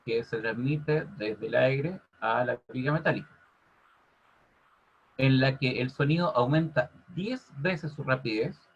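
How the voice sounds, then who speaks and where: A man teaching a physics class over a video call, constantly checking in with his students by asking if it's clear. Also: medium pitch. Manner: checks in with "ok?" after nearly every phrase. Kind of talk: online class explanation. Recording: muffled lo-fi audio.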